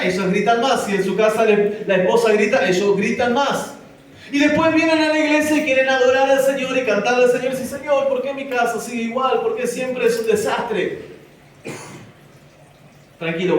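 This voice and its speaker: A man preaching a sermon as pastor to his congregation, often speaking out the doubts and questions of his listeners. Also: extremely high pitch. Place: church hall. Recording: very echoey church hall from far off.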